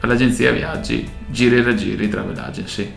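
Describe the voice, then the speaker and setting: Man, gravelly mid-range voice, mock-serious comic banter, radio co-host, light music behind. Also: on the low side, fairly even intonation, a little fast. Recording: roomy sound over background music.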